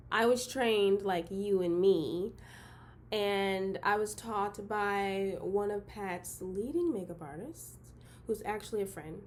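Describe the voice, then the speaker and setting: A young woman from Detroit, a model turned beauty vlogger, introducing herself in a bubbly, excitable way with giggly bursts. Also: mid-range voice, takes it slowly, a little hiss or hum. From Detroit, Michigan. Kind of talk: casual intro vlog.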